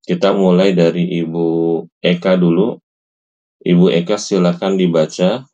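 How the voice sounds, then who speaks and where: A man teaching Quran recitation to women, patiently correcting them and modeling each phrase slowly. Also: sits low, little pitch movement, mellow, lo-fi sound. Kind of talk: online recitation lesson.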